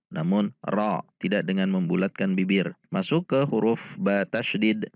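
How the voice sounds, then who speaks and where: A man with an Indonesian accent teaching Quran reading step by step, explaining each letter and then reciting slowly. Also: low voice, vocal fry, dry recording. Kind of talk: slow step-by-step tajwid lesson.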